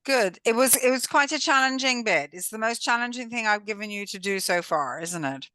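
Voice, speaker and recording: A woman's voice: fairly high pitch, lively intonation, a little fast, pushed and bright, no echo. A woman teaching a class over a video call, encouraging and hesitant, with many fillers as she thinks aloud. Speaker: course teacher. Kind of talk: online class instruction.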